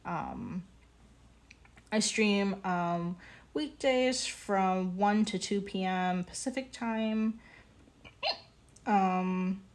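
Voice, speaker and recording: A woman streaming her pottery work, chatting casually in a halting way, full of fillers and small laughs. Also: medium pitch. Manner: halting, many ums and likes, laughs easily. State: hiccuping. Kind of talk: casual live-stream chat while working.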